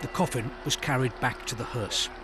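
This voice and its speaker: A man narrating a scripted news report as a correspondent, solemn and measured, in short phrases. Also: medium pitch, music in the background.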